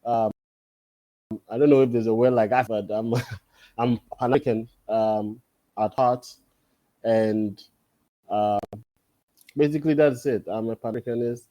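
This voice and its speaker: A man around forty, a guest in a casual interview, talking thoughtfully and pausing often on drawn-out fillers. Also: medium pitch, fairly even intonation, warm tone, dry recording. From Ghana. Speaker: podcast guest.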